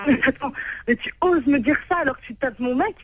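A woman's voice: high-pitched, fairly quick, dry recording, poor audio. A woman in her twenties, a prank call victim, arguing angrily and swearing, with mocking laughs. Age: 20s. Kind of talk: heated phone argument.

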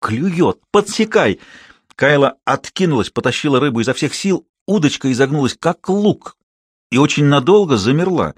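A man narrating an audiobook in a steady, even reading voice. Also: medium pitch, fairly quick, breathy edge, no echo, studio quality. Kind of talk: scripted narration.

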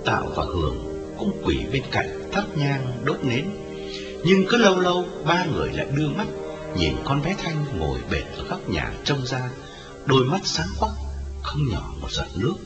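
A man's voice: medium pitch, huge pitch swings, normal speed. A man narrates a scripted audio story, his voice rising and falling dramatically across a very wide range. The recording sits in a long, echoing reverb, a little distant and dull, with music playing behind him. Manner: dramatic, widely varied intonation.

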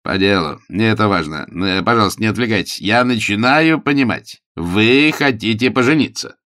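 A man reading a novel aloud, voicing a genial, mischievous older gentleman in a hearty, emphatic manner. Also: fairly low pitch, moderate pace, close to an everyday voice. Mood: coaxing. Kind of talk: audiobook character voice.

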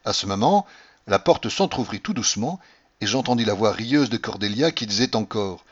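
A man narrating a classic novel as an audiobook, with expressive storytelling. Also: on the low side, moderate pace, slight background noise. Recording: dull lo-fi recording.

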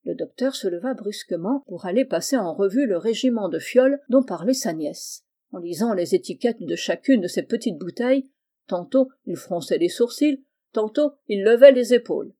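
A woman reading a children's novel aloud in a calm, measured storytelling way. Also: medium pitch. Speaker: audiobook reader. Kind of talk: storybook narration.

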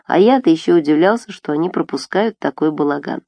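Woman audiobook reader, lowish voice, wry even narration, dead dry studio. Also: fairly quick, no room sound.

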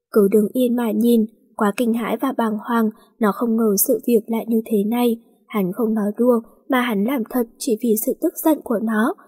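A woman reading a romance story aloud in a steady, plain voice. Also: a little high, husky.

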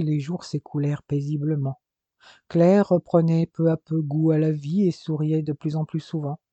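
Brief: calm storybook narrator, very mellow warm tone, dry close recording. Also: male voice, a little high, dry recording, muffled recording. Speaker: audiobook narrator. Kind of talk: scripted narration.

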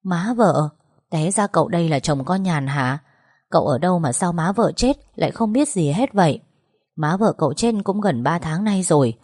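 A blunt older village man, put on by a woman narrator. He speaks slowly and reproachfully in a low, dry voice. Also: lively intonation, darkish tone, no room sound.

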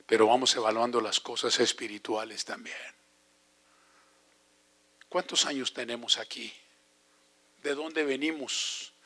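An older man preaching a sermon as an evangelist, telling stories animatedly and asking the congregation questions. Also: medium pitch. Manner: animated storytelling with rhetorical questions.

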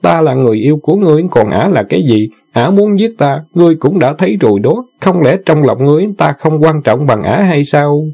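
A man voicing a sharp-tongued young woman warrior who scolds and gives orders, in an audiobook. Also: medium pitch, sing-song, moderate pace, vocal fry, husky, voice pushed up, full character voice. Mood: angry. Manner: scolding, commanding. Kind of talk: audiobook character voice.

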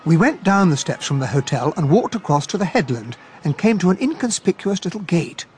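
A genteel English captain who narrates a radio mystery as the detective's loyal companion. His English-accented voice is fairly high and very animated, earnest and mild in manner. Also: fairly quick, slight background noise. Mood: reflective narration. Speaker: narrator and sidekick. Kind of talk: radio drama narration and dialogue.

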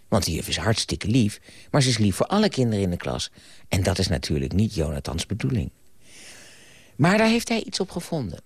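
A man on the radio reading a story aloud in an animated, playful way. His low voice swoops widely and has a husky edge. The sound is dry and close, as in a studio. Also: no echo. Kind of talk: expressive storytelling and reflection.

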